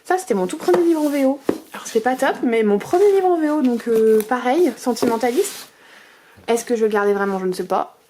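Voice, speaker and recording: A woman in her thirties chats through her bookshelves, gushing with piled-up superlatives. Her voice sits slightly high and wanders with fillers and restarts. A faint hiss of background noise sits under her voice. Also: a little fast, mellow. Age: 30s. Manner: chatty and gushing, piles up superlatives; rambling with frequent fillers and restarts. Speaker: book vlogger. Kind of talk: casual bookshelf tour chat.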